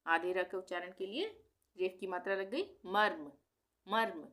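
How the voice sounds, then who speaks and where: A woman teaching Hindi pronunciation, saying each word slowly several times, then explaining it and asking questions she answers herself. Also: fairly low pitch, a bit bright. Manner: asks questions of the viewer and answers them herself. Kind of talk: slow pronunciation lesson.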